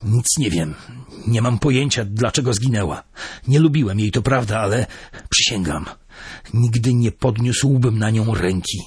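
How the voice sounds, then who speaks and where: Man voicing a gaunt prisoner, hoarse, rasping, fearful, pleading, low. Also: lively intonation, moderate pace, darkish tone, no room sound, clean studio sound. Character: gaunt, frightened male prisoner.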